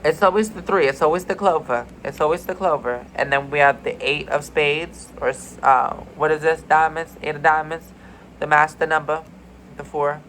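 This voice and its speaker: A spiritual card reader rambles through a casual reading, voice sitting at a middling pitch and sounding a bit congested. The talk wanders in a loose, mystical way, always turning back to the viewers as y'all. Faint noise sits behind the voice. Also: fairly even intonation, moderate pace, a bit bright, rough recording. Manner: chatty, addresses viewers as y'all.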